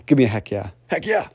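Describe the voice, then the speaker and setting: A speech coach whose mid-range voice is slightly rough describes his approach in an informal, conversational way. His manner is animated and repetitive, with audible sighs between phrases and a jump in pitch when he spurs the listener on.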